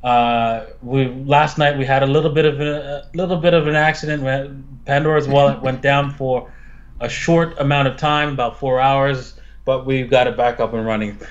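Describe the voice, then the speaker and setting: A man with a mid-pitched voice talks casually about crypto markets. He has a halting crypto-bro manner, feeling his way through phrases, on slightly muffled, lo-fi audio. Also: steady tone. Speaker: crypto analyst guest.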